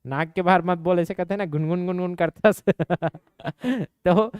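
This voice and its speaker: A young man from Chhattisgarh with a Chhattisgarhi accent, teaching an exam coaching class with a slight nasal ring. He keeps asking the class quick questions and answering them himself, and he slips into regional dialect now and then. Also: high voice, smooth, no room sound. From Chhattisgarh, India.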